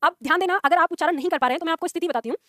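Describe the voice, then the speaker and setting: A woman's voice: very high voice, very fast, a bit bright, dry recording. A young woman teaching a Hindi class, explaining pronunciation patiently, repeating points and drilling sounds aloud.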